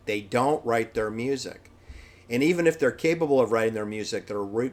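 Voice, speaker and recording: Man, American accent, mid-range pitch, off-the-cuff commentary, opinionated, blunt, dismissive, emphatic repetition. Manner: emphatic, repeats phrases for stress. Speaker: solo commentator.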